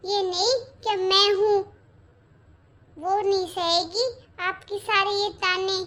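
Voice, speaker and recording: A woman voicing a quiet elder daughter-in-law in an animated family drama, mild and reasoning. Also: extremely high pitch, slow, pitched above the performer's own voice, heavily acted.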